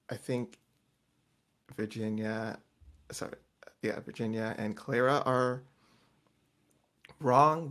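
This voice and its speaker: This mid-range male voice carries noticeable vocal fry. He's a podcast co-host in a casual show, animatedly recapping a reality series and performing the quotes in voices.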